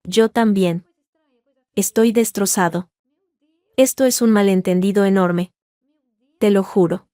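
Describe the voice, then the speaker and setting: A man's voice: high-pitched, steady tone, takes it slowly, long pauses, dark tone, dry recording, clean studio sound. A woman voicing a manipulative husband who pleads in a honeyed tone in a read-aloud story. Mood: pleading. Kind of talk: scripted narration.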